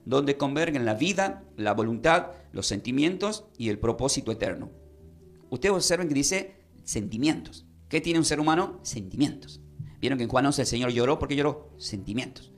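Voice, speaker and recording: Over soft background music, a pastor teaches a Bible-study sermon, explaining verses and having his listeners repeat his phrases. His medium-pitched voice is animated and moderately paced.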